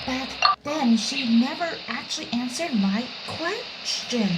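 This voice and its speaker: A woman's voice: sits high, expressive, slow, heavy background noise. A woman playing through a video game, reacting and reading along in a dramatic, exclamatory way. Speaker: gameplay streamer. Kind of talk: playthrough reactions and reading aloud.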